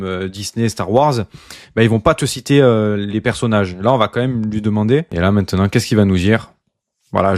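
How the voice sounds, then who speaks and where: A man leads a casual screen-recorded lesson with a somewhat low voice. He speaks informally to the viewer, with plenty of fillers and little asides. The sound is dry and close, with no room around it. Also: a little mellow, dry recording. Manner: chatty, informal, addresses viewer as tu, many fillers. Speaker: online course instructor.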